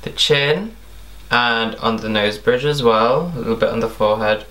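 A man's voice: medium pitch, normal speed, fairly bright tone. A young man narrating an instructional makeup tutorial as its presenter. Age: young adult.

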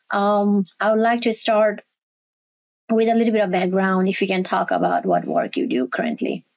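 A woman's voice: mid-range voice, a little mellow. A woman hosting a podcast interview from an office over a video call, speaking in loose, rambling phrases with fillers. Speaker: podcast host. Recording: dull lo-fi call audio with faint music.

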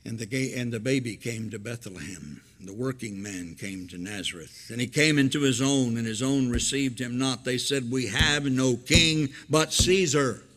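An older man preaching a sermon from a church pulpit, swinging between loud emphatic lines and hushed, low asides. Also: moderate pace, hardly any pauses. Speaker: pastor. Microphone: pulpit microphone.

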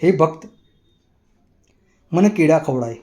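A man voicing a gentle male deity who speaks tenderly and coaxingly. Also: fairly high pitch, lively intonation, slow pace.

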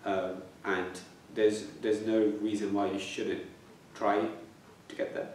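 In an echoey plain room, with the mic slightly distant and a little hiss or hum, a man in his 20s speaks slowly in a fairly low, darkish voice with little pitch movement. He stammers through reflective interview answers, repeating words and starting over.

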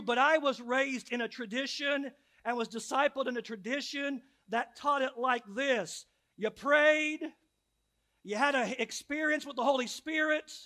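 A middle-aged man preaching a sermon as pastor, emphatic, with repeated rhetorical questions that drop to hushed, quiet lines. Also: very high voice.

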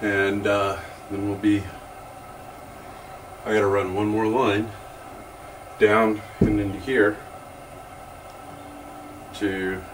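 A man's voice: lowish voice, little pitch movement, slow, pauses often, echoey room, recorded from a distance, a little hiss or hum, low-quality recording. Man explaining boat work from afar. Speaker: boat owner doing refit work. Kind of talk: casual explaining while working. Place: inside a boat under refit.

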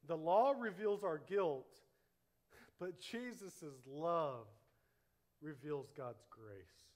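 A man's voice: a little high, lively intonation, very slow. A pastor preaching a sermon at a church service, earnest and emphatic, his delivery swelling and dropping to stress each point.

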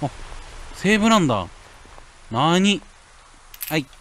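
Animated young-sounding Japanese game streamer. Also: male voice, unhurried, a little hiss or hum. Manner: animated, jumps from low mutters to yelps and shouts. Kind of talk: horror game let's play commentary.

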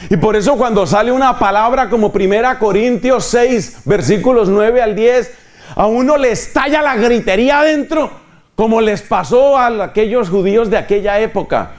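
Guy preaching hard, fairly high voice, gets loud on the big lines. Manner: impassioned, rising to near shouts on key lines. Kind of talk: sermon.

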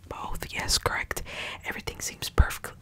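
A young woman whispering quickly in a breathy ASMR whispered role-play as a brisk medical examiner, very close to the microphone. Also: bright, forceful tone. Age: young adult. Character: brisk female medical examiner talking to a patient. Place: small bedroom, indoors. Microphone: large microphone right at the mouth.

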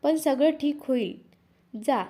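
A woman voicing a kind young woman who gently comforts a tearful bride. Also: sits high, animated, slow pace, heavily acted. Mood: soothing.

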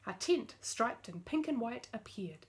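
A woman reading a children's picture book aloud, lively and expressive. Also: fairly high pitch, measured pace. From New Zealand. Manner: lively, expressive, voices the characters. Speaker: storyteller.

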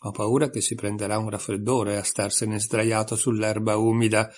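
A man's voice: fairly low pitch, little pitch movement, normal speed, close to an everyday voice. A man reading aloud and voicing a sensible, indignant young girl in a raised, earnest voice.

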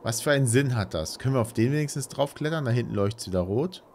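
A man in his thirties, a let's player and gaming streamer, gives casual, musing commentary in a mid-range voice, animated and fast, muttering to himself. Loud horror game ambience sits behind his voice.

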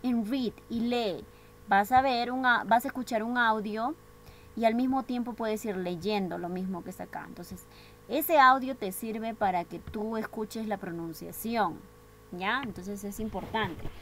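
A woman's voice: fairly high pitch, unhurried, slight background noise. Bilingual woman teaching English. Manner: switches between Spanish and English, asks pupils questions. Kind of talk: online class for young pupils.

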